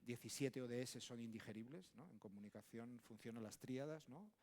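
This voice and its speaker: Un hombre español, autor de un libro, hablando en un panel de congreso, de manera enfática y enumerando ideas. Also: male voice, mid-range voice, brisk, a crowd in the background. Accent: Spanish from Spain. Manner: emphatic, lists ideas, frequent tag questions. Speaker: book author and speaker. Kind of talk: conversational panel talk. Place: conference hall. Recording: long hall reverb.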